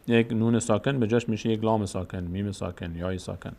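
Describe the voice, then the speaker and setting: A man teaching Quran recitation rules step by step, explaining each rule and then slowly chanting the verses to show it. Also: lowish voice, steady tone, creaky, dark tone. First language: Tajik.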